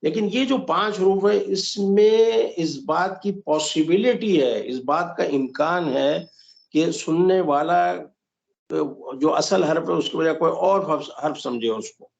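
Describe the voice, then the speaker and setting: A man teaching a Quran recitation class, patiently explaining rules step by step and slowly modeling the sounds. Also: a little high, vocal fry. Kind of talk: online tajweed class. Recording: dull lo-fi roomy audio.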